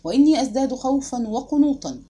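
A woman narrating a literary audiobook with expressive, dramatic storytelling. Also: sits high, fast, breathy edge.

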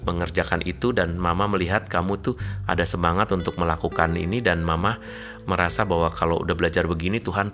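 A man voicing a mother who gently praises and reassures her child. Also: low voice.

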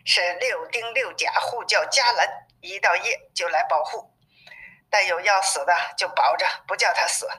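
A woman's voice: medium pitch, moderate pace, bright, forceful tone, lightly acted. Woman reading as weary, pleading suffering monks. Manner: pleading, lamenting. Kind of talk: storybook reading. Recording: narrow phone-like sound.

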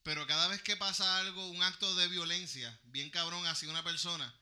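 A man's voice: high voice, fairly quick, pushed and bright. A man, co-hosting a casual chat, thinking aloud and often repeating himself. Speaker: podcast co-host.

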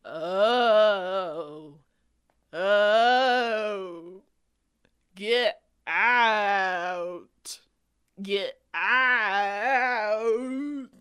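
A woman's voice: medium pitch, clear, resonant tone. A woman voicing a moaning ghost that haunts a house, reading a storybook aloud. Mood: wailing. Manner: moaning, loud, drawn-out wails.

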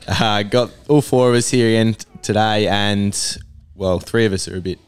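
A man with an Australian accent hosting a casual sports podcast, a little hoarse and laid-back. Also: on the low side, normal speed, faint music behind. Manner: laid-back, relaxed banter. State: slightly hoarse. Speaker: podcast host.

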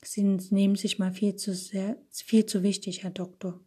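A woman's voice: mid-range voice, little pitch movement, a little slow, dark tone, slightly rough. A woman voicing a threatening, fanatical male waiter holding a pistol, hard-edged and menacing.

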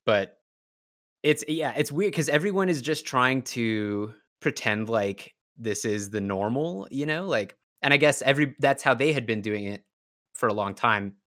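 A tired man, slightly hoarse from yelling, hosting a podcast in casual chat. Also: mid-range voice, animated, unhurried. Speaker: podcast host.

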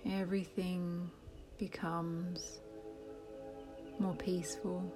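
Soft slow woman guiding a meditation. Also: fairly low pitch, level tone. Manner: slow, soft, half-whispered with long pauses. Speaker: meditation guide. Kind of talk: guided meditation. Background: soft music.

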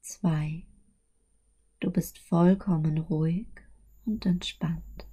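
A woman narrating a guided sleep meditation in a soft, breathy, soothing voice that is often hushed close to a whisper. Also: lowish voice, fairly even intonation, drawn-out words.

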